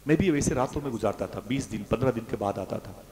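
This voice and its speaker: A man preaching an emotional story-driven sermon, swinging from loud declaiming to hushed, grieving tones. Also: mid-range voice, fast talker, noisy background. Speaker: Islamic speaker.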